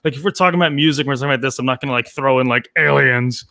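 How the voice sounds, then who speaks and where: Male co-host, bright and dry, chatty storyteller with fillers. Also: mid-range voice, very fast, vocal fry, dry recording. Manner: loose and chatty, trailing fillers. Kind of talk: casual chat show, telling news stories.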